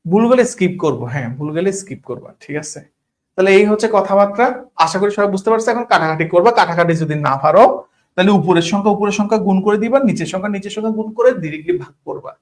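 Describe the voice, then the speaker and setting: A man's voice: sits high, animated, rapid-fire. A man tutoring math, talking casually, often checking if students understand and mixing in English words. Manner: mixes English words into speech. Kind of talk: online class teaching.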